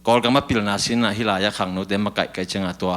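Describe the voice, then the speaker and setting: A man's voice: lowish voice, fairly even intonation, racing, a bit bright, faint music behind. A man in casual talk-show conversation, telling a long account in a chatty way with short fillers.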